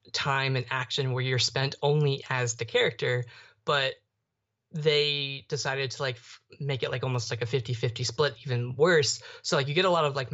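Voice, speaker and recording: A young adult man co-hosts a laid-back podcast, wandering through his points and frequently starting sentences over partway through. His voice sits at a medium pitch with a slightly bright quality. The audio comes across a little dull and muffled.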